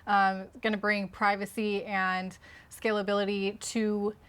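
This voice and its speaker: A woman's voice: mid-range voice, level tone, a little slow, a bit bright, smooth. A woman co-hosting a casual conversational debate, explaining her points in an informal way. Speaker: video creator and co-host.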